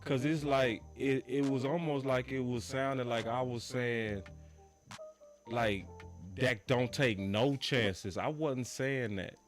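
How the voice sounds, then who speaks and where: A man hosting a sports talk show, casual and emphatic, with slangy, animated delivery. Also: medium pitch, measured pace, faint music behind.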